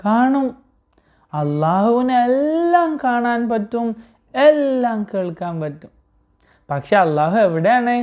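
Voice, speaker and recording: A woman teaching a religious story to children, patient and slow, asking them questions and repeating the answers. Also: a little high, very animated, a little mellow, dull audio.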